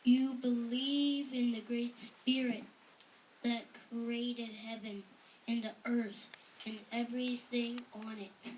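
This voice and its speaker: A woman voicing a humble, earnest male missionary sock puppet with halting, deliberate delivery in an amateur show. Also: on the high side, flat delivery, darkish tone. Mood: solemn. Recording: distant mic with faint noise.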